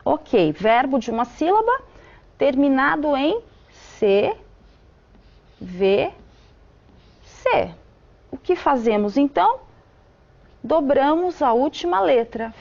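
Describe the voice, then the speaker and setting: A woman teaching an English grammar lesson, slowly spelling out rules step by step. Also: high-pitched, creaky, darkish tone, lo-fi sound.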